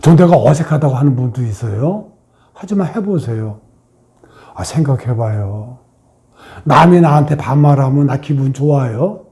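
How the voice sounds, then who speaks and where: A man's voice: medium pitch, lively intonation, normal speed, mellow. A man giving a meditation lecture, asking questions and answering them himself, sometimes dropping to a whisper. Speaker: meditation teacher.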